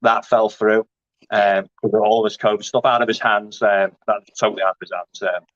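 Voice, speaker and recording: A man's voice: lowish voice, level tone, normal speed, dry recording. A man, chatting casually in an interview about his grappling, rambling with lots of fillers and restarts. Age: 30s. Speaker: grappling competitor. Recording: dry, dull lo-fi audio.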